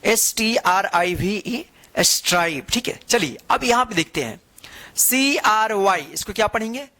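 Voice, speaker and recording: A woman's voice: mid-range voice, animated, moderate pace, a bit bright. A woman teaching an English reading lesson, spelling words out letter by letter and repeating each answer after asking her own questions. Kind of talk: classroom-style reading lesson.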